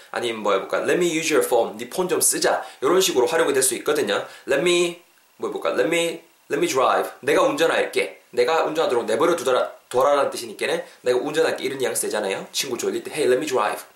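A man hosts a casual spoken English lesson, upbeat and animated. He drills short phrases slowly so listeners can repeat them. The voice sits at a middle pitch, and the small room adds a noticeable echo. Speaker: English teacher and podcast host. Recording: echoey room.

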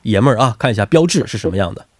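Very animated male quiz show host. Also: on the low side, racing, no echo. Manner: talkative, teasing, many tag questions. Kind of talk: chatty quiz show hosting.

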